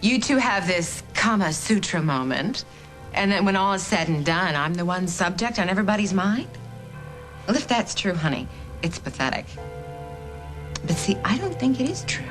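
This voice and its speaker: An actress playing a sharp-tongued, scornful woman in a daytime soap opera feud. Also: medium pitch, very animated, normal speed, natural voice. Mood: mocking. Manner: sarcastic, cutting. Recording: music playing underneath.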